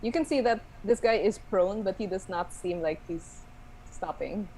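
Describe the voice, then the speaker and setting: A woman's voice: mid-range voice, unhurried, dark tone, slight background noise, rough recording. A woman narrating casually as game master of a tabletop role-playing game.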